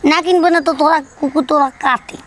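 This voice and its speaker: A woman with a Bhojpuri accent playing a stubborn, childish daughter-in-law in a scripted village comedy skit, whining and shouting. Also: high-pitched, fairly even intonation, normal speed, slight background noise. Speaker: comic actress playing a silly daughter-in-law.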